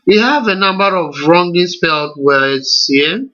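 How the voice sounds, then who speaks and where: This screen-recorded tutorial features a Ghanaian English-accented man whose high, sharp voice has lively intonation. He instructs deliberately, one step at a time, throwing in rhetorical questions, though the recording sounds muffled.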